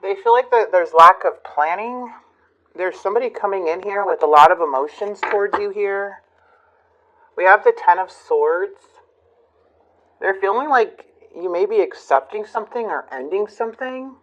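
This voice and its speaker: A woman reading tarot cards for her channel, talking reflectively with many fillers and pauses. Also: mid-range voice, a bit bright, lo-fi sound. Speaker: tarot reader.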